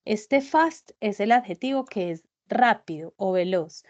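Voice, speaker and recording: A woman's voice: medium pitch, animated, unhurried, a little mellow. A woman giving an online English grammar lesson, explaining step by step and often checking that her students follow. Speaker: English teacher. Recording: dull lo-fi web conference audio.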